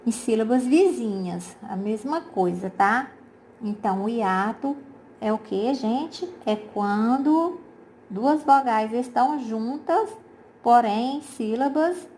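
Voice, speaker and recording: Patient Brazilian woman teacher with a mellow voice. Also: on the high side, a little hiss or hum. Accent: Brazilian Portuguese. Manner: patient, repetitive, checks in with "tá?" and "né?"; addresses pupils as "gente", uses diminutives. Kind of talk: recorded remote lesson explaining grammar exercises.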